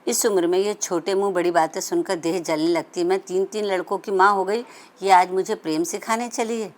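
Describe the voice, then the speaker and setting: A woman's voice: fairly low pitch, fairly even intonation, fairly quick, close to an everyday voice. A woman voicing an elder sister-in-law, a married mother who is amused and mildly needling, in a read-aloud story. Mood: wondering, sniping.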